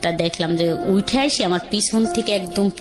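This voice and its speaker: Speaking at normal speed in a mid-range voice, a woman with a Bangladeshi accent rambles through her personal history in a chatty, colloquial manner. Music can be heard under her voice.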